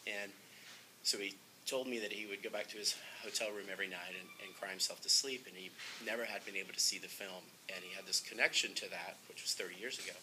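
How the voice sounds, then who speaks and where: Low-voiced male director, earnest and halting, interviewed over clear background noise. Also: sharp tone, poor audio. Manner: earnest, gets emotional, frequent ums and uhs. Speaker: film director. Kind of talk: interview, storytelling.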